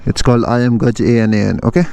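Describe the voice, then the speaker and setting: A man's voice: medium pitch, steady tone, fast, darkish tone. A man with a North Indian accent chatting casually and easily to his vlog audience, often repeating words and short phrases. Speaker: motorcycle vlogger. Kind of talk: casual vlog chat to camera. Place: outdoors on the road, motorbike ride. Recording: clear traffic and vehicle noise outdoors. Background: traffic and vehicle noise.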